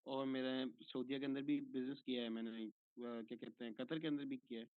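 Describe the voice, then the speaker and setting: Over a call with a tinny, phone-like sound, a man teaching an online course patiently answers a student's questions step by step, checking in after each point. His medium-pitched voice shows little pitch movement and is fairly quick. The recording is dry.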